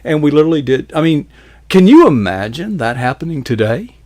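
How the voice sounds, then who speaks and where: A man's voice: fairly high pitch, very animated, a little fast, crowd noise. A man, hosting a talk show and telling rambling, folksy stories that he laughs through. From American South. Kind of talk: casual storytelling chat.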